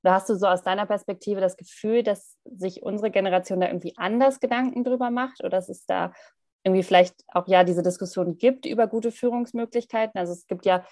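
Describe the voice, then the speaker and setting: A woman co-host asks long, winding questions in an interview. Her voice is mid-pitched, and the recording is close and dry. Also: steady tone, fast, darkish tone, no room sound. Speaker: podcast co-host.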